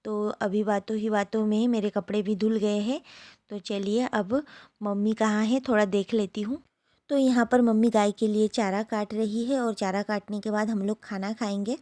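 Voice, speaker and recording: A woman's voice: mid-range voice, level tone, normal speed, warm tone. A young woman, a new mother, chatting casually to viewers as she walks through her day at home. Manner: chatty, narrating daily chores to viewers. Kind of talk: casual home vlog narration. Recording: echoey, from off the mic.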